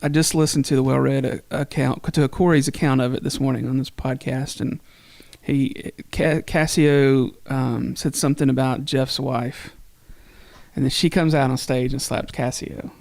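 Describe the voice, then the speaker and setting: A middle-aged man co-hosting a podcast tells a long, rambling story full of swearing in casual chat. His voice is medium in pitch and darkish, with fairly even intonation, a moderate pace, and vocal fry, and the recording has no room sound.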